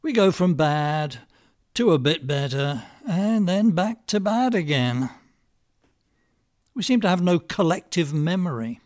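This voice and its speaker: A man giving scripted political commentary with a dry, sardonic, measured delivery. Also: fairly high pitch, animated, darkish tone. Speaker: podcast commentator.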